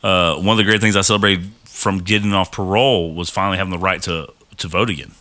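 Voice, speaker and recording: A man's voice: low-pitched, fairly even intonation, quick pace, sharp tone. A young man telling a long story in a casual chat, rambling and swearing often. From Texas. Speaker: podcast guest.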